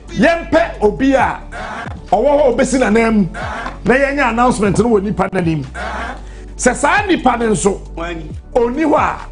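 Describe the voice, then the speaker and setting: A Ghanaian man with a fairly high voice hosts a live radio programme over background music. He speaks deliberately, reading and explaining formal material, and repeats phrases to drive them home. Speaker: radio show host. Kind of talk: reading out legal text and explaining it live on air. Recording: music behind the voice.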